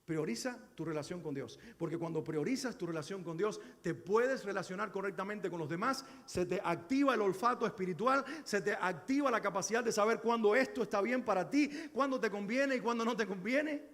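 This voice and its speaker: A man's voice: high-pitched, a little fast, hardly any pauses, a bit bright. A middle-aged male pastor preaching a sermon, earnest and exhorting, with many rhetorical questions. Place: church sanctuary. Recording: echoey church hall.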